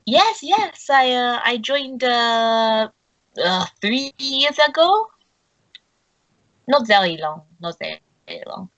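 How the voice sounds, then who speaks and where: A woman's voice: fairly high pitch, sing-song, slow pace, fairly bright tone, highs cut off, voice pushed up, full character voice. A woman voicing an overly friendly female tiefling wrestler, putting on a French accent and speaking eagerly. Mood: gushing. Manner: eager, gushing.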